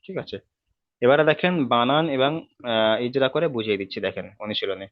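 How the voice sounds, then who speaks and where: Guy teaching quran reading, slow and patient, lots of repeating, dull dry recording. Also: medium pitch, lively intonation, dry recording. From Bengal. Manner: patient, repetitive, spells letters out slowly; often checks understanding with a quick question. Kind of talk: recorded online lesson.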